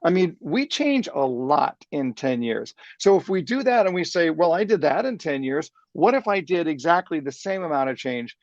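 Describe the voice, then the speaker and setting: A man's voice: fairly high pitch, big pitch swings, moderate pace, few pauses, dry recording, lo-fi sound. A man in his sixties, a sales trainer speaking as a guest, enthusiastic and motivational, often repeating words as he starts a thought. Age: 60s. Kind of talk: upbeat interview talk.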